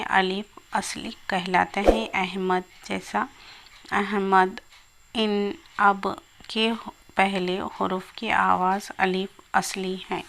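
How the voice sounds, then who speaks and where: Woman, grammar teacher, flat even delivery, unhurried. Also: mid-range voice, gravelly. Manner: explains step by step, repeats example words slowly. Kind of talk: exam-prep grammar lesson.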